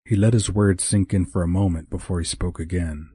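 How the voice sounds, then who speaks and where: A man narrating a romantic comedy audiobook in a measured, even reading. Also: low-pitched, breathy edge, no echo, studio quality.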